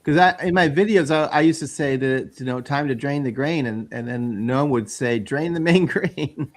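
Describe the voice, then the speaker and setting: A man's voice: mid-range voice, normal speed. A man trading playful jokes in a casual group chat over a video call. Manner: jokey, playful asides.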